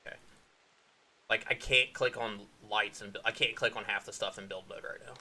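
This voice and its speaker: A man running a tabletop game as game master, giving casual, quick rulings. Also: lowish voice, steady tone, bright, forceful tone, a little hiss or hum.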